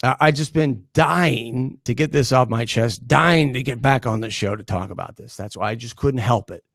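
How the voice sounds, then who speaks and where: A middle-aged man hosting a sports talk show, delivering a sarcastic, animated monologue and chuckling as he goes. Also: mid-range voice, normal speed, vocal fry, no echo, clean studio sound. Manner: sarcastic, animated, laughs while talking.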